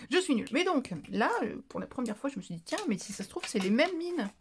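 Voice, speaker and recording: A woman's voice: a little high, very animated, fairly quick, breathy edge. Chatty, self-mocking French craft vlogger woman. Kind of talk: casual haul vlog.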